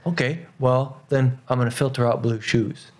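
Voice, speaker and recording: A man's voice: medium pitch, moderate pace, darkish tone. A man chatting casually, blunt and agreeable, swearing now and then. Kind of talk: casual chat.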